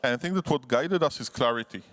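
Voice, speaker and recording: A man on a conference panel, speaking in a measured way with soft fillers. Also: medium pitch, lively intonation. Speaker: panelist, company chair. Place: large conference hall. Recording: long reverb of a conference hall.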